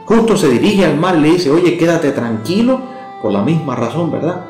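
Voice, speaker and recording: A male preacher gives a short sermon in a conversational tone, speaking directly to the listener and asking them questions. His voice sits a little high for a man. The room is echoey, with soft instrumental music playing underneath. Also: lively intonation, fairly quick.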